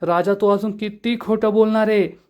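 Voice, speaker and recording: A man's voice: sits high, steady tone, moderate pace, a little mellow, voice pushed up, lightly acted. A man reading the lines of a stern, angry young man who scolds.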